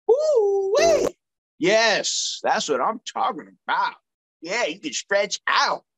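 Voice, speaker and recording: A man's voice: sits high, huge pitch swings, slow, a bit bright, husky, no room sound. A man hosting a casual interview, from the southern United States, talking enthusiastically with lots of exclamations. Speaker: host.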